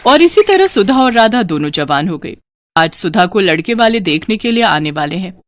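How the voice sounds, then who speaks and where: A woman narrating a cartoon storybook in an even, expressive way. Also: medium pitch, moderate pace, dry recording.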